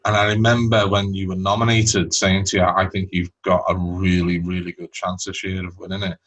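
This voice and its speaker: Low-voiced chatty man. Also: level tone, brisk, fairly bright tone, rough recording. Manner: chatty, loose, full of fillers. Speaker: podcast co-host. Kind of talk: casual interview questions.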